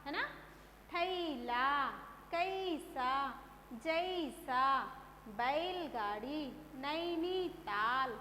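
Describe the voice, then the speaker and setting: High-voiced woman teaching in an echoey room. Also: fairly bright tone. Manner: slow drawn-out drilling of words, then brisk explanation. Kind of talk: Hindi phonics lesson for children. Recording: echoey room, faint hum.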